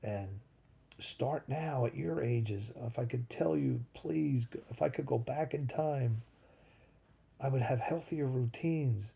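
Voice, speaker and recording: With a gravelly, husky, warm voice of medium pitch, a man in his fifties takes his time hosting a live stream. He talks casually, rambles and thinks aloud while responding to viewers.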